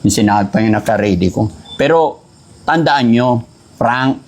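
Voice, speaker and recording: A man vlogging in casual chat, scolding loudly during a prank and then speaking calmly and politely to his viewers. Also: medium pitch, moderate pace.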